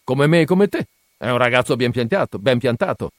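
A man's voice: medium pitch, animated, brisk, no room sound, clean studio sound, natural voice. A man reading aloud, voicing a boastful, slightly drunk male sailor who talks with swagger. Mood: eager. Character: boastful tipsy male sailor, hearty and cocky.

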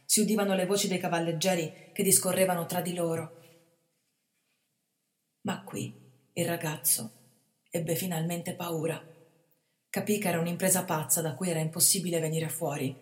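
A woman, an actress, reading a literary short story aloud in a measured, expressive narration. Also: fairly low pitch. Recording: reverberant hall.

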